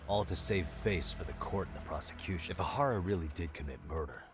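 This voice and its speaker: An actor playing a stern, serious detective in a game dub. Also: male voice, low-pitched, fast talker, music in the background, lightly acted. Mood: grim. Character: stern determined male detective, adult.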